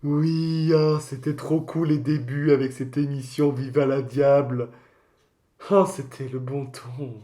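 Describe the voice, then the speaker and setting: A man's voice: mid-range voice, level tone, takes it slowly, mellow, lightly acted. A man voicing a touchy, boastful mascot creature in a comic mock interview, rambling in crude slang. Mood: boastful, enthusiastic. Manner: slangy, crude, hesitant rambling storytelling with outbursts.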